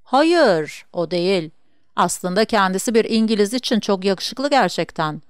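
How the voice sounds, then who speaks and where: A woman voicing a small, elderly, curious foreign male detective in an audiobook reading, measured and musing. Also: mid-range voice, animated, no echo, clean studio sound, natural voice.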